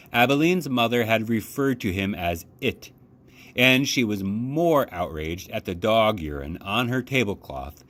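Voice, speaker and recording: A man hosting storytime reads a children's book aloud, pacing his phrasing deliberately and adding dramatic emphasis. His voice is fairly low in pitch with a fairly bright tone.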